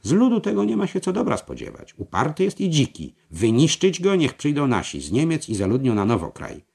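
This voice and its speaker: Man doing a zealous plotting knight, husky and loud. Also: a little high, huge pitch swings, brisk, voice pushed up, heavily acted. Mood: fervent. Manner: preaching, fervent. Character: zealous scheming male crusader knight.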